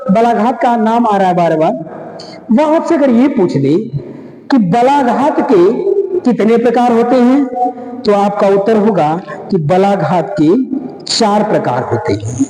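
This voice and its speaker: A high-voiced man gives a slow classroom lecture, repeating every key term and drawing out single words. His tone is mellow. The echoey room adds a long, roomy reverb. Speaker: teacher.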